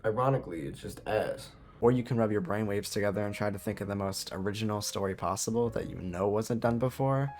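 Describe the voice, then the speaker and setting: A man's voice: fairly low pitch, fairly even intonation, fast talker, few pauses, a little mellow. A man narrating a comedic video essay, sarcastic and jokey, full of rhetorical questions.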